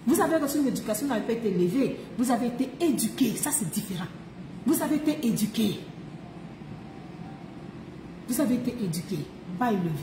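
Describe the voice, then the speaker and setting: High-voiced woman ranting emphatically. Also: background noise. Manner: emphatic, repeats key phrases, laughs often. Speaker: live streamer giving relationship advice. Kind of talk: live stream commentary. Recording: echoey room.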